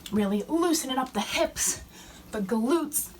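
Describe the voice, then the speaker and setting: A young woman fitness instructor cueing warm-up moves while she exercises, a little out of breath. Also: sits high, animated, unhurried. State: slightly out of breath. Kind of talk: workout instruction. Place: fitness center. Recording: distant mic with faint room noise.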